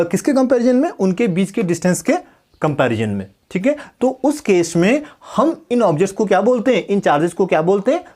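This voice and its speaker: A man's voice: sits high, a little mellow, slightly rough. A male physics teacher giving a Hindi-English lecture, asking himself questions and answering them, checking in with the students again and again. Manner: repeats check-ins like "ठीक है" and "समझ में आया"; slows down sharply for English sentences.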